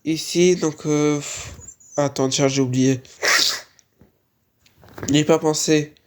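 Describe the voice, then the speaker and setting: Narrating a casual Minecraft build while a bit under the weather and sneezing, this tutorial creator sounds hesitant and keeps falling back on "voilà" and "on continue." The medium-pitched voice is a little mellow, fairly even in intonation, and slow.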